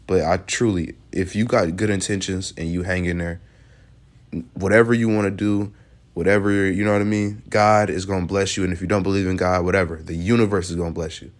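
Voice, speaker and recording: A man's voice: low-pitched, steady tone, a little fast. A man hosting a reaction video, talking casually and bluntly, swearing freely and laughing often.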